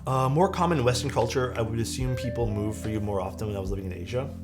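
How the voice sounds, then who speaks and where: A man's voice: mid-range voice, quick pace, music in the background. A man in his thirties chatting casually on a livestream, venting and rambling with many fillers and some swearing. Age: 30s. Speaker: keyboard-building streamer. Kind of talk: casual livestream chat reading viewer comments.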